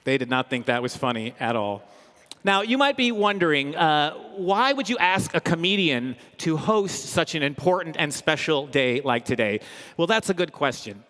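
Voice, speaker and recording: A comedian hosting a corporate event performs a humorous live stage presentation, upbeat, energetic and joking, in a slightly high voice at a moderate pace. He is in a large indoor hall before a live audience, and the sound echoes with long reverb.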